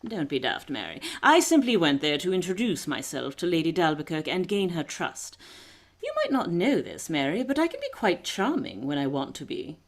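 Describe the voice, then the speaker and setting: A woman playing a shrewd, poised lady detective in a radio play, brisk, wry and self-assured. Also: on the low side, sing-song. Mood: wry, confiding.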